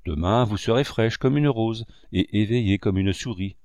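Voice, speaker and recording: A man's voice: lowish voice, moderate pace, darkish tone, dry recording, clean studio sound, natural voice. A man reading a bustling, motherly old woman servant in an audiobook, chatty and kindly scolding. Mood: fussing.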